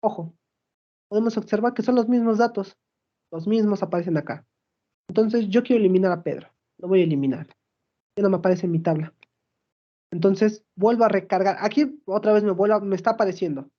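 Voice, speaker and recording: Woman walking through a software demo. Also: medium pitch, a little fast, muffled recording. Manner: explains step by step, checks in with "¿sí?". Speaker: student presenting a project. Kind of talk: screen-recorded software demo.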